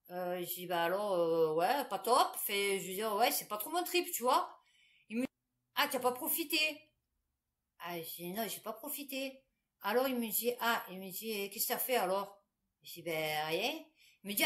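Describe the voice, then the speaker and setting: A woman's voice: a little high, a bit bright. Blunt woman, crude and chatty. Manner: blunt, crude, laughs often. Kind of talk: casual storytelling to camera.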